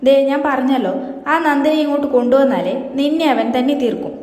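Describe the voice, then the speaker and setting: A woman's voice: high-pitched, a little fast, mellow, close to an everyday voice. A woman reading out the lines of a cold, scheming young man from a soap serial, in her own plain voice. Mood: menacing. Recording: roomy with long reverb.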